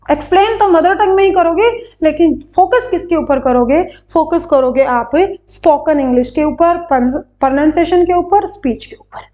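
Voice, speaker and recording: A woman teacher explaining an exam-prep lesson, asking questions and answering them herself, drawing out key words slowly. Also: sits high, darkish tone, lo-fi sound.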